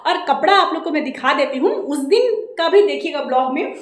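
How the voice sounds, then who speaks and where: A woman in her thirties from India with a Jharkhand Hindi accent, talking loudly and quickly in a casual home vlog, recorded on the camera's own mic. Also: high voice, animated. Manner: loud and fast-talking. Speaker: vlogger. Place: indoors at home. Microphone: camera mic without a separate microphone. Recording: echoey room, voice from camera distance.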